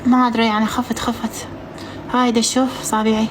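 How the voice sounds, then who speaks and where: A man's voice: extremely high pitch, flat delivery, fast, background noise. A man doing a woman's voice, playing a distressed, apologetic and affectionate young woman with an Iraqi accent in a prank phone call. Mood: pained, shaken.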